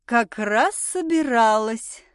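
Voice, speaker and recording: Brief: bold, brisk, sharp-tongued woman, in a narrator's voice, lively pitch. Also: no room sound, clean studio sound.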